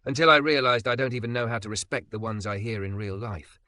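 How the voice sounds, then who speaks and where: A man's voice: medium pitch, fairly even intonation, fast, sharp tone, no echo, close to an everyday voice. A man voicing a remorseful young woman marketer, emotional and close to tears. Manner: emotional, voice catching.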